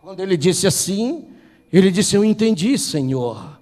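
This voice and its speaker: A male pastor from Brazil telling a story in a Sunday school sermon, building from hushed narration to impassioned preaching. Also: high voice, big pitch swings, unhurried, big-room sound.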